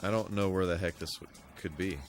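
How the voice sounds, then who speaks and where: A deep-voiced man streams a video game live, talking fairly quickly in a steady tone. He rambles casually and thinks aloud as he plays, with music running behind him.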